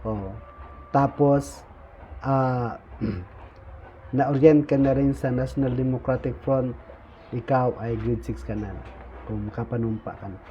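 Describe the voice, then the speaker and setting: Halting man with a dull lo-fi sound. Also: medium pitch, fairly even intonation. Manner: frequent "no?" tag questions, halting with fillers. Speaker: speaker explaining insurgent recruitment levels. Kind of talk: informal explanatory talk. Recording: dull lo-fi recording with faint noise.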